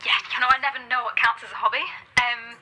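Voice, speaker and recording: A woman's voice: high-pitched, expressive, moderate pace, bright, forceful tone, husky, heavily acted, rough recording. An actress playing a nervous, chatty young woman with a British accent on a first date, blunt and rambling. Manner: blunt, rambling, self-mocking. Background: game music.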